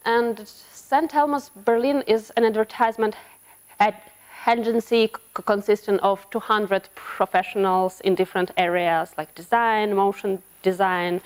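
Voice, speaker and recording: A woman's voice: medium pitch, fairly even intonation, unhurried. A woman from Ukraine, giving a conference talk as a web developer, often restarting her words. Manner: hesitant, frequent restarts and broken-off words. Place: conference hall.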